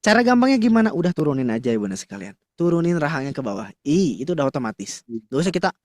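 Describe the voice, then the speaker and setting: A man teaching Quran reading in an online class, demonstrating mouth shapes and chanting syllables in a casual, lively way. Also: on the high side, quick pace, no room sound, studio quality. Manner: addresses the mothers in class warmly and casually.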